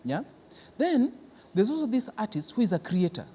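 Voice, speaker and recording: A man with a Kenyan accent answers interview questions unscripted as a guest of a cultural centre, earnest and explanatory and often repeating words. His voice is high-pitched, very animated and dark in tone at normal speed. The large theatre building makes the recording echoey, with clear background noise.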